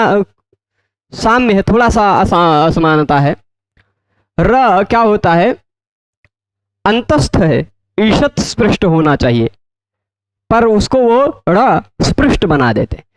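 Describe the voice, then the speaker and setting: A man teaching Sanskrit grammar in a lecture, often asking his students check questions and repeating terms slowly. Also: high-pitched, lively intonation, clear, resonant tone, no room sound. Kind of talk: explanatory lecture.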